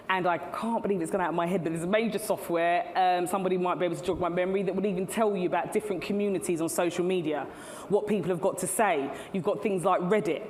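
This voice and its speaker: In a large tech-event hall, a middle-aged woman with a lowish voice gives a conversational keynote to a live audience and laughs at her own side remarks. Slight background noise sits under long hall reverb and faint ambience.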